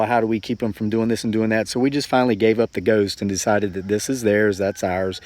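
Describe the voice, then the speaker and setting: In a dry recording, a homesteading vlogger aged forty-four talks to viewers in a low, slightly mellow voice. He is casual and reflective, telling things in a folksy, earnest, meandering way.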